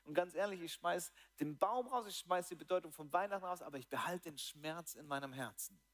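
Guy preaching a sermon, kinda high voice, gets all excited then drops real quiet. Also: a little fast. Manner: animated preaching, swinging between excited highs and quiet lows. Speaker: pastor. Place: church hall.

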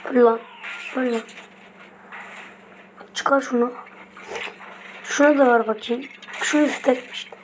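A voice play-acting a fight scene in a casual, rough, taunting way, trading quick lines back and forth. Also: medium pitch, steady tone. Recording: noisy amateur home recording.

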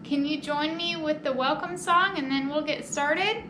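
In a high, unhurried voice, a young woman leads storytime indoors at a children's library, reading aloud from a picture book and asking the kids easy questions. The audio has a roomy echo along with clear background noise.

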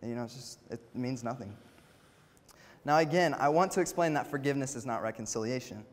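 A man's voice: mid-range voice, fairly quick. A young man giving a casual sermon as a church intern, talking conversationally with fillers and asking the audience questions. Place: church hall. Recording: long reverb of a church hall.

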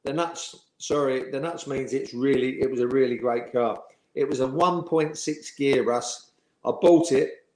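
A man, a former footballer telling lively anecdotes in an interview and chuckling as he goes. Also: mid-range voice, a little slow. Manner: lively storyteller, chuckling, acts out the people he quotes. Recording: echoey room.

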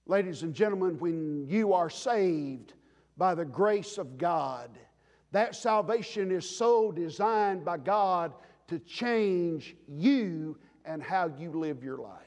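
A man preaching a sermon as pastor, emphatic, building to loud declarations and dropping low again. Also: lively intonation, takes it slowly. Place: church sanctuary. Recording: long reverb of a church sanctuary.

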